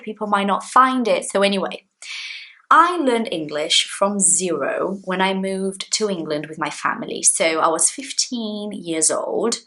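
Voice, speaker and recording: Speaking from a small indoor room in her home, this young English teacher from Brazil chats casually to camera in a mid-range voice. Portuguese is her first language, and her manner is talkative and expressive, with plenty of hand gestures.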